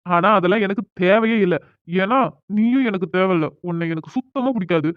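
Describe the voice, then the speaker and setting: A man voicing a quick-tempered young man, tinny. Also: high voice, no echo, close to an everyday voice. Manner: argues fast and bluntly. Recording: tinny phone-like sound.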